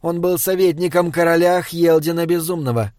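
A man reading a calm, wise old woman. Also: a little high, moderate pace, no room sound, clean studio sound, close to an everyday voice. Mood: measured. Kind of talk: audiobook character reading.

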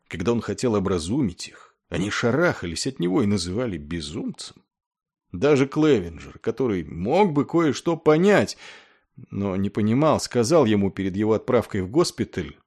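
A man's voice: medium pitch, darkish tone. A man narrating an audiobook in a dramatic, emphatic manner. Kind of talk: expressive audiobook reading.

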